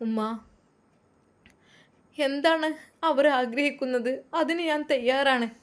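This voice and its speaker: A woman playing a tearful young woman, quiet and hesitant, pitched higher than the reading voice. She pleads softly throughout this storybook tale. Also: slow. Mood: fearful.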